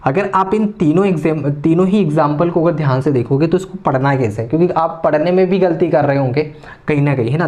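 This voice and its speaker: Man, maths teacher, warm low-bright tone, patient and repetitive delivery. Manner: repetitive tag questions, patient step-by-step explaining. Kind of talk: classroom lecture.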